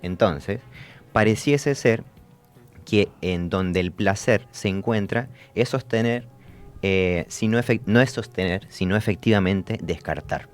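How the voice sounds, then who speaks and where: A man hosting a psychology discussion, pausing often with fillers and restarts. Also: lowish voice, soft background music. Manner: hesitant, many fillers and restarts. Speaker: podcast host.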